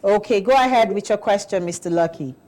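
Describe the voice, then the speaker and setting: Brisk woman hosting a phone-in. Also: mid-range voice, a little mellow. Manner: brisk, businesslike moderating. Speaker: talk show host taking phone calls. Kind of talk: live phone-in talk show.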